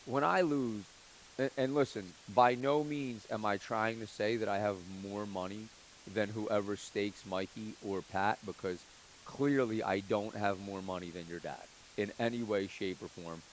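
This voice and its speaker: Pool hustler guy on the phone, gets loud n curses a lot, faint hiss behind him. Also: fairly low pitch, rough recording. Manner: animated, swearing, talks fast when excited. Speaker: pool player. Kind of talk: casual phone interview.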